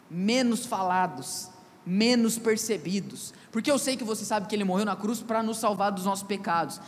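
Pastor preaching in an echoey hall. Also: male voice, sits high. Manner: conversational preaching with personal anecdotes. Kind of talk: sermon. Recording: echoey hall, faint ambience.

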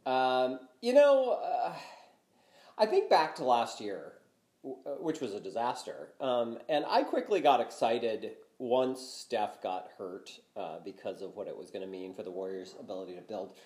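An older man talks basketball in a loose, rambling way, his pitch rising and falling a lot. The room around him gives his voice a noticeable echo. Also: very animated, normal speed, a little mellow. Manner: rambling, many fillers and restarts. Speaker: podcast co-host. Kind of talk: casual sports talk. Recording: roomy echo.

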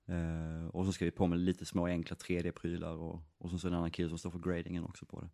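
Man in his thirties, very low voice, dry close sound, reflective interviewee. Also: monotone, gravelly, mellow, no room sound. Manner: reflective, rambling with many fillers and restarts. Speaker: actor and director. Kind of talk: casual interview answers.

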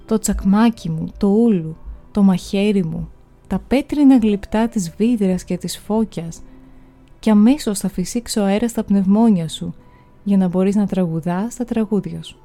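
A gentle seal-woman spirit and loving mother, tender and grave in a storybook telling, as a woman narrator puts her on. The voice stays dark and mellow, with faint music playing beneath it. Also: mid-range voice, close to an everyday voice.

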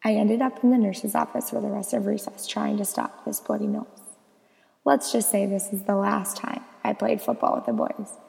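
A young woman narrating a scripted personal story in an expressive, storytelling way. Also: medium pitch, normal speed, creaky, in a large hall, poor audio. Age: young adult.

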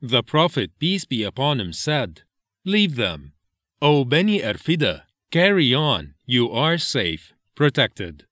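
Slow, lilting male scripture reader. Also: mid-range voice, very animated, a bit bright, no room sound, clean studio sound. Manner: deliberate, glosses each Arabic term in English. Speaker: reader of hadith translations. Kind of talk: slow measured scripture reading.

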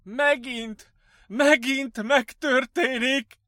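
A man voicing a frantic young male psychiatric patient who wails and shouts in panic, in an audiobook. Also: sits high, dry recording, studio quality, voice pushed up. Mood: panicked. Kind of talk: audiobook character voice.

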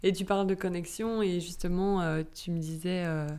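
Host: woman, low-pitched, short attentive prompts in an interview. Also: steady tone, moderate pace, a little mellow, clear, resonant tone. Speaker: podcast host. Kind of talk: interview questions.

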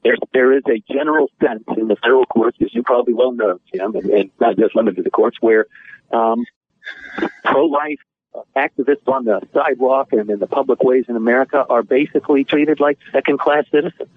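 A man, an attorney, talking as a guest in a radio interview over the phone, in an earnest, measured way with filler pauses. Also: medium pitch, lively intonation, breathy edge, dry recording. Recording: tinny dry phone line.

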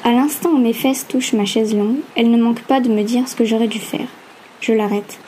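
A woman narrating a first-person novel aloud in an even, steady reading. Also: a little high, brisk, slight background noise. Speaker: audiobook narrator.

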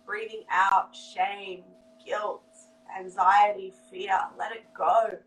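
Slow, soothing woman guiding meditation. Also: mid-range voice, little pitch movement. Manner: slow, soothing, spacious pauses. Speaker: meditation guide. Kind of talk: guided meditation. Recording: echoey room, mic at a distance, faint hum.

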